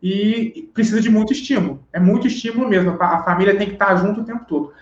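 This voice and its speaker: A man's voice: high voice, quick pace. Man patiently explaining in a roomy room. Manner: patient, explaining step by step, often asks "entendeu?". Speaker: sign language teacher guest. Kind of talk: explanatory interview answers. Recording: roomy, dull live-stream audio.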